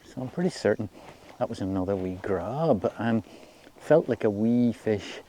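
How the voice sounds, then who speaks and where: A Scottish man chatting casually in an unhurried, low-key way, as if musing to himself while presenting his fishing outdoors. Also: animated, warm tone. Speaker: angler presenting own fishing outing. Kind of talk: casual fishing vlog commentary. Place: outdoors by a loch. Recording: noisy outdoor ambience.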